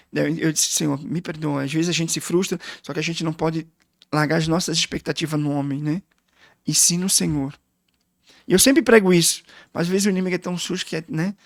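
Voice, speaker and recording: A man's voice: a little high, gravelly, no echo, clean studio sound. A middle-aged man with a Brazilian Portuguese accent, a guest pastor telling an emotional testimony full of quoted dialogue in a casual interview.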